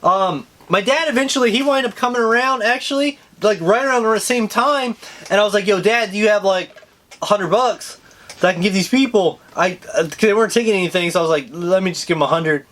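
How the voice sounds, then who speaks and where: A young man, a toy collector, telling a story in an excited, rambling way with lots of fillers and casual swearing. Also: sits high, brisk.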